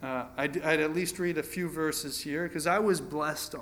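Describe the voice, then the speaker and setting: Speaking at a measured pace, this man in his twenties has a fairly high, fairly bright voice. He's teaching Scripture in a relaxed, conversational sermon, poking fun at himself and repeatedly beginning phrases again.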